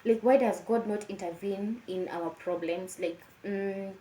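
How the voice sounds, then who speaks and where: A woman's mellow voice, recorded in an echoey room. She talks casually and conversationally, pressing her points with rhetorical questions. Phrases come back repeated for emphasis. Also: medium pitch, a little slow, slight background noise. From Africa. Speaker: vlogger giving personal opinions.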